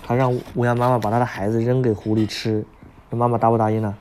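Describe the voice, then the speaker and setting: A man's voice: medium pitch, level tone, fast talker, mellow, a little hiss or hum. Man reading a picture book to children. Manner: asks young listeners questions. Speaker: storyteller.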